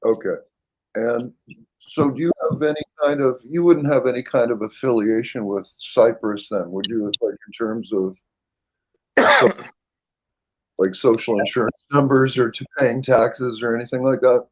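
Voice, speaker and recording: Middle-aged man, mid-pitched, rambling and apologetic, livestream host on a webcam. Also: fairly even intonation, unhurried, rough recording. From Canada. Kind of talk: casual chat.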